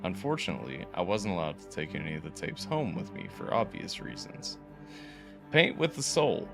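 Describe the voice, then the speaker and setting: A man's voice: fairly low pitch, creaky. A man reading a horror story aloud as a podcast host, stumbling and restarting now and then. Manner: reads unevenly, stumbles and restarts.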